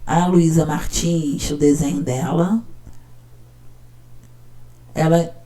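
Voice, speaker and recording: A woman's voice: sits low, steady tone, slow pace, mellow. A woman teacher, talking casually and often checking in with her listener. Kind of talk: casual explanatory talk.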